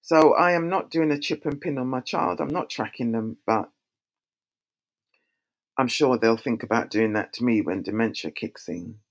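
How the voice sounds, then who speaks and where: A woman's voice: a bass voice, moderate pace. A middle-aged woman, giving a talk on community and youth safety and acting out her own reactions as she tells stories. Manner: animated storyteller who acts out her own reactions. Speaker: community speaker.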